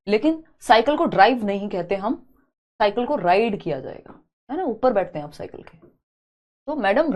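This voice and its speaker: A woman teaching an exam-prep lesson in a live online class, explaining step by step, mixing in English terms and reading out viewer comments. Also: medium pitch.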